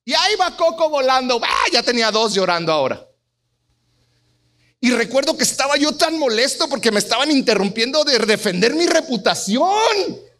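High-voiced pastor preaching. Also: male voice, big pitch swings, moderate pace, a bit bright. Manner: storytelling, acting out voices with big swings in pitch. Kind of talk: sermon.

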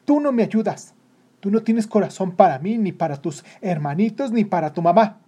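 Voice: medium pitch, slow pace, a little mellow, lo-fi sound, natural voice. A narrator voicing a weary working father who scolds his son in a raised, emphatic voice. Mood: reproachful.

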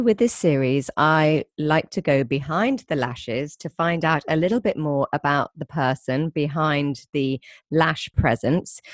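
A woman interviewer with a fairly low voice hosts a chat series. She speaks in a conversational presenter style, recorded close and dry. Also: no room sound. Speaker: host, interviewer. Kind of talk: scripted introduction and conversational interviewing.

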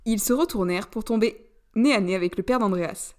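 A woman narrating a novel aloud in a lively storytelling manner. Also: mid-range voice, fairly quick. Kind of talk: audiobook narration.

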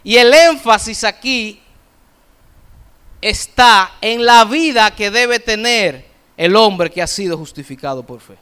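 High bright-voiced male preacher. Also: expressive, clean tone. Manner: emphatic preaching, slowing to stress key phrases. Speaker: pastor. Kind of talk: sermon.

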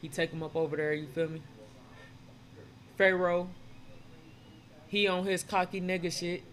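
A man casually retelling old stories in street slang, animated and acting out the characters' voices as he goes. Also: sits high, a little slow. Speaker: storyteller retelling Bible stories.

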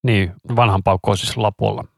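A man's voice: fairly low pitch, steady tone, creaky, no room sound, studio quality. A man co-hosting a podcast, chatting casually and sharing opinionated anecdotes. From Finland. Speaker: podcast co-host. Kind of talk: casual chat.

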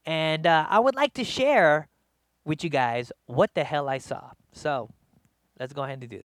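Male comic host, high voice, rambling casual rant, very dry sound. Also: moderate pace, no echo. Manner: rambling, animated, slangy. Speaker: comedian host. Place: home studio.

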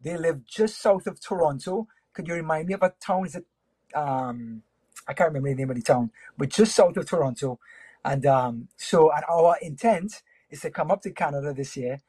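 A man from Trinidad and Tobago, a sports broadcaster, chatting casually as a guest on a remote interview with a friendly, relaxed manner. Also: a little high, breathy edge, no echo. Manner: relaxed, friendly, with fillers and pauses.

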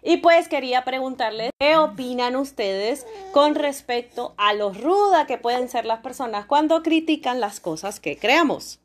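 A woman's voice: sits high, lively intonation, a little slow, few pauses. A woman presenting as a kids show host, addressing her listeners as young children.

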